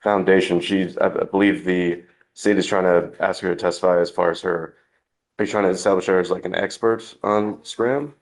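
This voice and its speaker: A man speaking as a defense lawyer in a courtroom recording, halting and restarting his phrases. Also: low voice, steady tone. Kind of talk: courtroom argument and questioning, courtroom recording.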